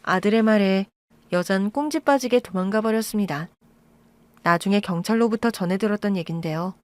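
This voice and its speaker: A woman calmly narrating a first-person family story in a measured storytelling voice. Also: medium pitch, dry recording.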